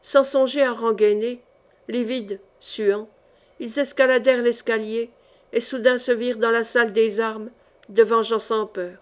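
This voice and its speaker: A woman narrating an old historical adventure novel as an audiobook. She reads in a measured, expressive way, and her voice sits a bit high for a woman. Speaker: audiobook reader.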